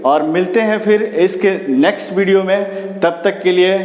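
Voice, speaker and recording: A high-pitched man teaches basic English spelling, asking and then answering his own questions. He praises every step with "very good." His voice rings in a roomy, echoing space with a lingering tail. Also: a little slow, a little mellow. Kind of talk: spoken English lesson. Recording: echoey room with long reverb.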